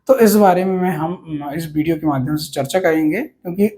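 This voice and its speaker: Warm in tone, on the high side and a little fast, this Indian host of a police exam advice channel explains things casually to students. He repeats himself emphatically and tags on frequent checks that they're keeping up.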